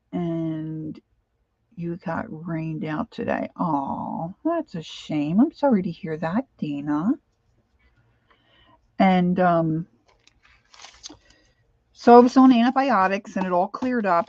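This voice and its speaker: A middle-aged American woman from Pennsylvania hosts a craft livestream, chatting casually and rambling while greeting viewers by name. Her voice is lowish and darkish, with a slight lisp from missing teeth. The recording is dull and lo-fi, with no echo.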